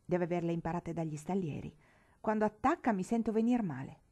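A woman's voice: fairly low pitch, brisk, mellow, lightly acted. A woman reading an audiobook, voicing a prim, affected young lady who complains about her sister's coarse words. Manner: fussy, genteel, complaining.

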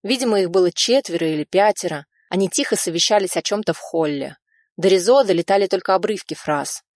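A woman narrating an audiobook in an even, measured reading. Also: on the low side, no room sound, clean studio sound.

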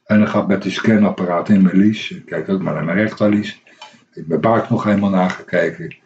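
A man's voice: low-pitched, steady tone, brisk, a little mellow, slight background noise. A middle-aged man, hosting a radio show and telling a long, rambling everyday story with many hesitations and restarts. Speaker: radio host. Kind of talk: casual anecdotal radio chat. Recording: dull lo-fi radio recording.

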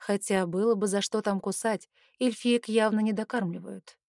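Woman audiobook narrator, lively expressive reading, dry close sound. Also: medium pitch, moderate pace, dry recording. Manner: lively, character-rich reading.

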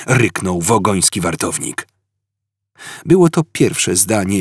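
A man narrating an audiobook at an unhurried pace, with a husky voice and a lively, rising and falling delivery. The sound is dry and close. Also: lowish voice, dry recording.

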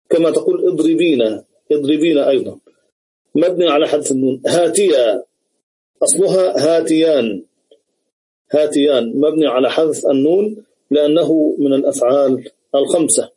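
A man giving a grammar lesson over an online video call, speaking deliberately and repeating each example several times. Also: fairly high pitch, warm tone, breathy edge, rough recording. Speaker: grammar teacher.

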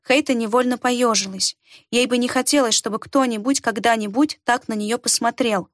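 A woman reads a fantasy audiobook in a steady, expressive way. Her voice is fairly high. The recording is dry and close, with no room sound. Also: normal speed, dry recording. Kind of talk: audiobook narration.

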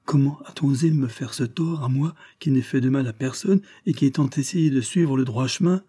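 A man's voice: medium pitch, lively intonation, brisk, warm tone, breathy edge. A man voicing a young male soldier accused of spying, who protests and pleads in an audiobook. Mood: offended. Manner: protesting, pleading with rising intensity. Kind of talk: audiobook character voice.

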